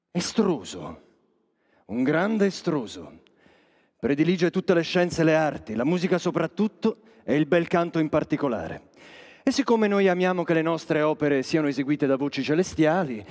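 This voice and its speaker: A sly, cynical court chapel master played by a male actor, holding forth to the audience with sardonic stage declamation. His voice sits somewhat high for a man, with lots of tonal swing. It rings out in a stage hall with a long reverb tail. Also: darkish tone. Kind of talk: theatrical monologue to the audience.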